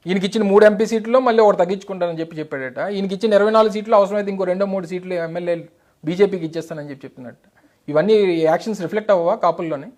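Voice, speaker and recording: Fast-talking middle-aged guy, high voice, pushing back hard as party spokesman in a heated interview. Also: darkish tone. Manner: emphatic, insistent, rapid Telugu-English mix.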